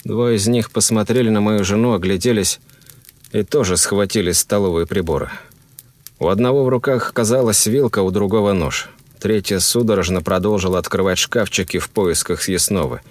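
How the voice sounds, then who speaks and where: A man with a low, grave voice tells a first-person horror story in measured, steady narration. The sound is close and completely dry, with no room around it. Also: no room sound.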